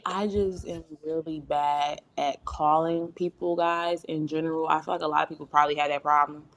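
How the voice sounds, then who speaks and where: A woman's voice: low voice, a bit bright. A woman co-hosting a podcast, blunt and joking in casual chat. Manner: blunt, joking, swings into exaggerated voices. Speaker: podcast co-host.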